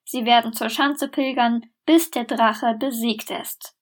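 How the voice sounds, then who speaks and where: A woman voicing a cheerful, cunning sheep that speaks sweetly and slowly in a storybook reading. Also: fairly high pitch, steady tone. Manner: sweet, measured and sly.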